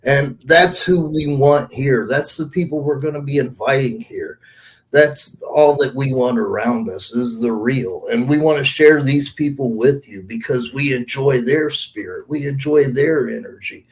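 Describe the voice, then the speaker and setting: Heard through poor audio, a male podcast host with a mid-range voice speaks a little slowly. He's casual and sincere, cursing freely and talking to listeners like pals in a mix of monologue and chat.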